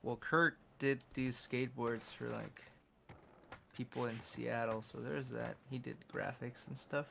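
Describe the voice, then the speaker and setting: A man with a Californian English accent and a medium-pitched, creaky, fairly bright voice chats a little slowly in a steady tone while co-streaming a game. He rambles loosely and curses freely, with slight background noise.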